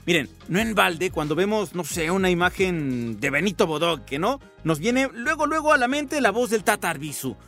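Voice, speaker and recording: A man hosts a podcast in a high, eager voice, speaking with open admiration. A faint music bed runs underneath him. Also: sing-song, normal speed, few pauses, a bit bright. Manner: enthusiastic, admiring. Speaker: podcast host. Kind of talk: scripted podcast narration.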